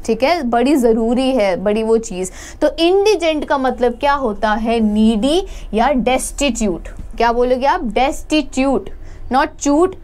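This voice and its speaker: High-voiced woman teaching vocabulary. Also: darkish tone. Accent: Jammu Indian English. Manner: explains in Hindi mixed with English, asks and answers her own questions; slows down to pronounce English words for students to repeat. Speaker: English teacher. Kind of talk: recorded exam-prep lecture. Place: classroom with a board.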